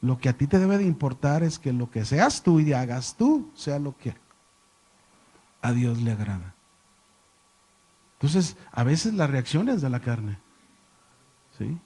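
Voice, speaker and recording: A man teaching a Bible class, chatty and animated. He keeps quizzing his listeners with rhetorical questions and joking with them. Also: medium pitch, unhurried, pauses often, breathy edge. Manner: animated storyteller, jokes with listeners. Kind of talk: conversational Bible lesson to a class. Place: church classroom with a live audience.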